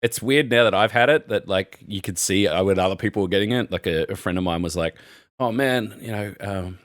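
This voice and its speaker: A young male podcast co-host keeps things casual, telling long, rambling stories animatedly and laughing frequently. He speaks slightly fast in a lowish voice. The audio is clean studio sound without echo.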